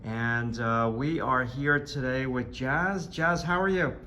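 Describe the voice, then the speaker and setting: In a classroom, an art teacher acting as video host conducts a casual interview and showers it with eager compliments. He talks slowly at a medium pitch with a sharp tone, recorded on a handheld camera lacking a tripod, with slight noise in the background.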